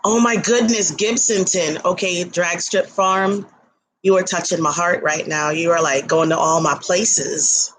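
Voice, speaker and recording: A woman hosting a casual livestream from her home kitchen, chatting to viewers between bites, talking loudly toward a laptop mic across the room. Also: lowish voice, steady tone, measured pace, low-quality recording. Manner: chatty, eats while talking; talks loudly to carry to the laptop. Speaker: livestream host.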